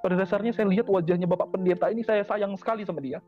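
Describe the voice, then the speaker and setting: A man with a notably high voice tells his story to a congregation, repeating key phrases with heartfelt emphasis. The recording is dull and lo-fi. Faint music runs underneath. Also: steady tone, very fast. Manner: repetitive, earnest, heartfelt phrasing. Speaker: convert giving a church testimony. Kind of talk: personal testimony to a congregation.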